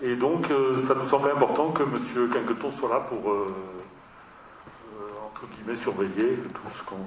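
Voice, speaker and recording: A man's voice: mid-range voice, fairly even intonation, normal speed. A man chairing a town council meeting, talking hesitantly with many fillers and restarts. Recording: echoey room, mic far off, dull sound, faint noise.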